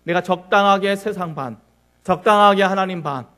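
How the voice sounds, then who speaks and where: A man's voice: sits high, normal speed, pushed and bright. A man preaching a sermon in church as pastor, emphatic, acting out complaints and prayers and leading the congregation in reading aloud. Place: church sanctuary.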